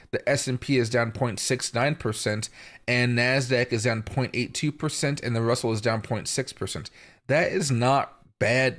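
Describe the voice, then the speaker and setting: Hoarse from a chest infection, this Seattle-area man hosts a live crypto market stream at a typical male mid pitch. He talks casually and unhurriedly, pausing often and filling the gaps with ums and uhs.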